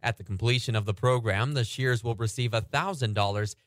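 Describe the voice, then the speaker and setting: A man anchoring a radio farm report, reading agricultural news and market prices in a steady newsreader delivery. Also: mid-range voice, brisk, no echo, studio quality.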